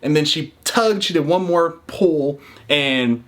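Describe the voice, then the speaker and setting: A young man, a new father and vlogger, telling a story with animation and jumping into a higher voice to quote people. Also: takes it slowly. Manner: excitable, acts out quotes in raised voice.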